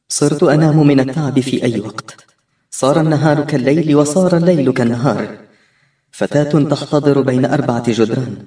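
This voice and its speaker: A man reading an audiobook as a first-person narrator, expressive and tense. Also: mid-range voice. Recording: roomy, distant-miked recording.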